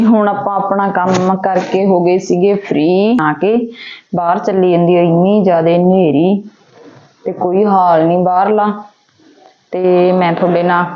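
A woman's voice: on the low side, warm tone. A woman chatting casually to vlog viewers, exclaiming and repeating phrases for emphasis. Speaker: home vlogger. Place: at home, kitchen and outdoor upper level. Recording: dull lo-fi sound with faint noise.

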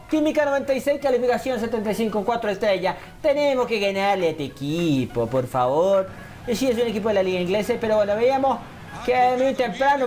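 A young Colombian gaming YouTuber gives casual, animated commentary on his football video game while reading viewer comments, often addressing his audience as "señores". His voice sits high.

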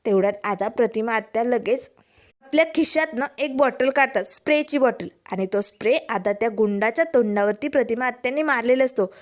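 A woman narrating a recap of a TV serial episode in a dramatic, steady way. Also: a little high, fairly quick.

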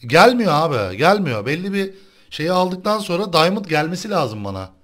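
High-voiced excitable young man gaming. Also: normal speed. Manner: excitable, exasperated, complains to viewers. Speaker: gaming channel host. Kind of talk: casual gameplay chat.

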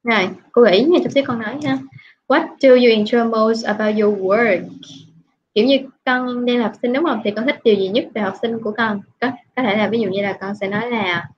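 A woman's voice: a little high, fairly quick, muffled recording, slight background noise. A woman English teacher with a Vietnamese accent, correcting a student's speaking and drilling word pronunciation.

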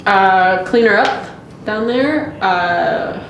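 A woman's voice: medium pitch, very slow, far from the mic. A young woman as a guest in a casual drinking-game chat, blunt and laughing often. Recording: echoey room with faint noise.

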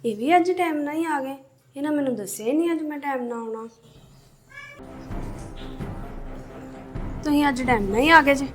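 A woman's voice: high voice, quick pace, reverberant, music in the background, lightly acted. A woman playing a young wife who bullies her mute sister-in-law, then begs forgiveness. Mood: surprised. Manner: defensive and bossy, then pleading. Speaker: daughter-in-law. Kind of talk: amateur family drama acting.

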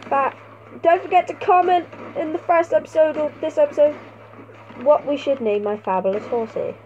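A young woman giving playful, excitable let's play commentary and talking back at the game as she plays. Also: high-pitched, moderate pace. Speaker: gaming channel host. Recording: tinny phone-like mic sound.

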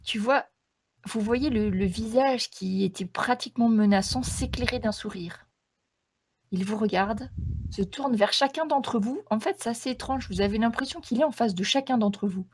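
A woman's voice: on the high side, moderate pace, darkish tone, slightly rough. A woman game master narrating a tabletop role-playing game in a descriptive storytelling manner.

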